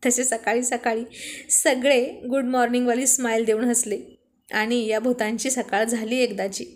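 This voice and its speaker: Woman storyteller, high voice, lively narration. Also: moderate pace. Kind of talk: read-aloud story narration.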